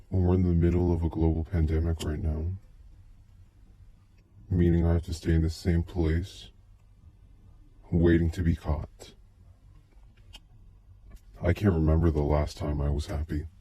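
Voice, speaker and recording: A man telling a first-person tale as a recorded tape, his voice disguised by a deep pitch-shifting voice changer, in a slow, halting, brooding delivery. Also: dark tone.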